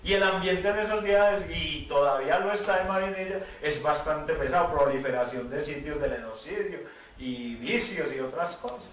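A man's voice: on the high side, expressive, normal speed, fairly bright tone, a little hiss or hum. A middle-aged Colombian man with a Paisa accent giving an emphatic spoken testimony, acting out dialogues in quoted voices. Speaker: speaker giving a conversion testimony. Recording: echoey, from far off the mic.

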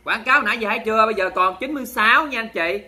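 A man with a Southern Vietnamese accent hosts a charity livestream at a rapid clip. His voice is very bright and sharp, and he talks in a sassy, theatrical way, scolding his viewers in jest. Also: sits high. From Mekong Delta, Vietnam. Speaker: livestream host.

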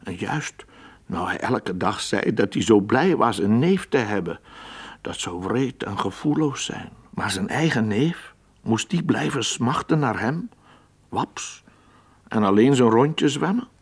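A man narrating children's stories in a calm, gently amused way. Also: mid-range voice, unhurried, breathy edge. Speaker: storyteller. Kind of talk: storybook narration.

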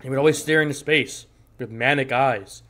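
A man reading aloud the lines of a dying, infected male villager in a game, in a low, hushed voice. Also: moderate pace, lightly acted. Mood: somber.

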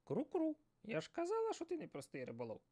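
A man's voice: very high voice, huge pitch swings, fast, mellow, voice pushed up, heavily acted. A man voicing a bossy, knowing female seagull who guides the hero. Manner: bossy, urgent.

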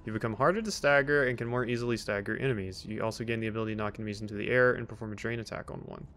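A fairly low-pitched, slightly bright male voice with a steady tone races along as a let's play host, giving casual, wry commentary, teasing the characters and reading on-screen game text aloud. Video game sounds play faintly in the background.

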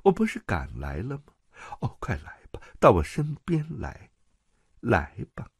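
A man's voice: mid-range voice, huge pitch swings, unhurried, slightly rough, no room sound, clean studio sound, pitched above the performer's own voice, full character voice. A man voicing a scheming nobleman who coaxes and soothes in a falsely tender way, in an audiobook. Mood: coaxing. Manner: coaxing, silky, falsely tender. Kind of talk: audiobook character voice.

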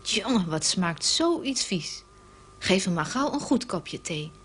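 Storybook husband, relaxed and offhand, read by a woman in her own voice. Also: mid-range voice, takes it slowly, slight background noise. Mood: sheepish. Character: easygoing sweet-toothed husband.

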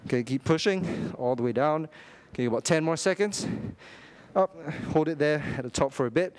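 A young man instructing a workout, energetic, talking in short clipped cues and counts with frequent okays while exercising. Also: a little high, moderate pace, clean tone, dry recording. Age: young adult. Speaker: fitness instructor.

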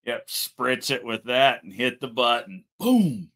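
A man's voice: medium pitch, unhurried, sharp tone. A man hosting a casual live chat, talking loosely and swearing, with frequent "you know" and chat readings. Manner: profane, laughing, lots of "you know". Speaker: host of a car show live stream, reading chat.

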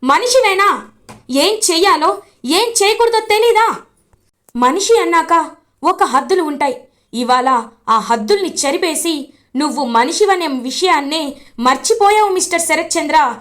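A woman voicing an angry, protective young man who shouts indignantly in a serial recap. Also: sits high, animated, normal speed, pauses often. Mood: furious.

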